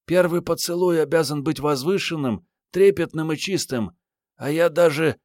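Young woman, bold and mocking, sharp tongue, pitched well up; read by a man in an audiobook. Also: normal speed, no room sound, studio quality, natural voice. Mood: tender. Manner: mocking, bold, coarse banter. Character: brash, sassy young woman, crude and teasing.

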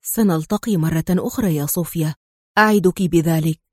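A woman voicing a bold male secret agent hero who speaks calmly, with mockery and firm command. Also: medium pitch, a little fast, no echo, studio quality, lightly acted. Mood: tender. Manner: calm, mocking, commanding.

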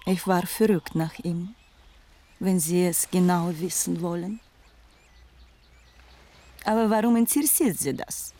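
An actress playing a worldly woman who recalls a lost lover in a radio play, speaking in a hushed, often whispering way with a gravelly edge. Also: on the low side, measured pace, pauses often. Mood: wistful.

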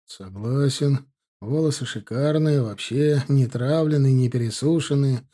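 A man's voice: medium pitch, a little slow, dark tone, close to an everyday voice. A man doing an anxious fretful hairdresser. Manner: fretful, moaning. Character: anxious fussy male hairdresser, despairing.

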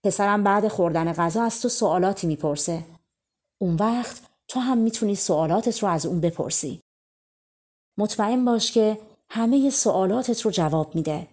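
A woman's voice: mid-range voice, natural voice. A woman voicing a kind, motherly old woman in a fairy tale. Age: older. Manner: warm, motherly.

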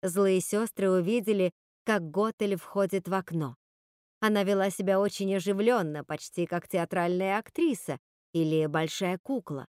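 A woman narrating a fairy-tale audiobook in a lively, expressive way, recorded on a close studio mic. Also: mid-range voice, normal speed, clear, resonant tone, dry recording. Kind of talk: audiobook storytelling.

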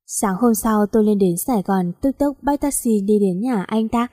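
A woman's voice: mid-range voice, normal speed, mellow. A woman narrating a story aloud and reading every character's part in one voice. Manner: reads all characters in one voice.

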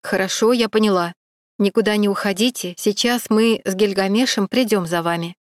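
A woman's voice: mid-range voice, moderate pace, dry recording, studio quality, natural voice. A woman voicing a firm woman on the phone.

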